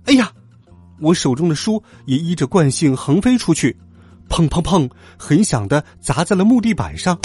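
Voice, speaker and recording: A man narrating a children's story in the first person, lively and dramatic. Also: a little high, normal speed, soft background music. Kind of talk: storybook reading.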